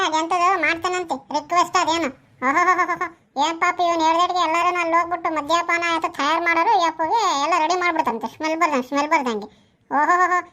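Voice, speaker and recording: A performer playing a village wife who mocks and scolds her drunken husband in a comic skit. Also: extremely high pitch. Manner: sharp, mocking, scolding.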